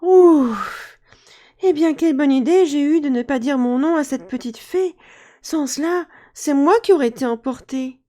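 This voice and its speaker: Un petit garçon de conte, joué par une conteuse, plein d'entrain et vite affolé. Il parle haut et fort, avec l'impatience d'un enfant. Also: female voice, sits high, moderate pace, voice pushed up, natural voice. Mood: relieved. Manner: excited, loud. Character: eager excitable little boy.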